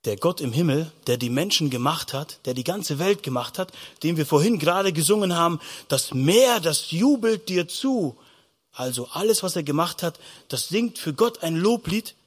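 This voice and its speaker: Male pastor, high voice, playful storyteller in a children's service. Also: fairly quick, slightly rough. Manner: animated storytelling, asks the children questions. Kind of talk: children's sermon.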